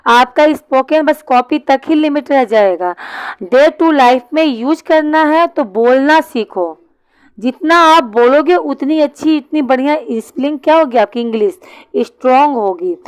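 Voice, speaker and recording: A woman's voice: high voice, darkish tone, no echo, rough recording. A woman teaching an online English class, explaining step by step and answering her own questions.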